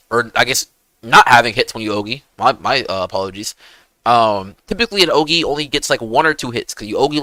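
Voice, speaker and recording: A man's voice: mid-range voice, pushed and bright, no echo, rough recording. A young man chatting casually on a game livestream in hyped gamer-bro slang, swearing freely. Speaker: game streamer. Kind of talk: casual livestream chat and gaming commentary.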